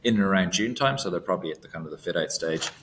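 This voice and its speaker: A man's voice: deep voice, lively intonation, rapid-fire, a bit bright, a little hiss or hum. A man co-hosting a casual industry podcast, talking in a hesitant way with lots of restarts. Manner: hesitant, many fillers and restarts. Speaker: podcast co-host, analyst.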